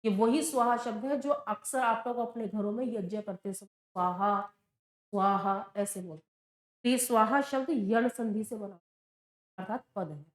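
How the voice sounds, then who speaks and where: A woman's voice: fairly high pitch, normal speed, roomy sound. A woman teaching a Sanskrit grammar lesson for exam preparation. She speaks patiently and asks the class questions that she then answers herself. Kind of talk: exam-prep lesson at a board.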